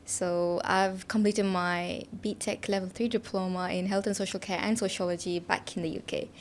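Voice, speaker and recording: A woman's voice: medium pitch, level tone, moderate pace. A young woman, a student guest on a podcast, chatting cheerfully with frequent laughs and fillers like "like" and "you know.". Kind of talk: casual interview chat. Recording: faint background noise in a studio.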